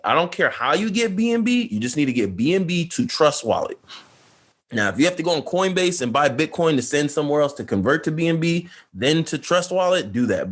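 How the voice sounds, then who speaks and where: A young man co-hosting a casual podcast, explaining things in a loose, animated way full of "like" and "you know what I'm saying". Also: medium pitch. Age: young adult. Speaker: podcast co-host. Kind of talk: casual chat.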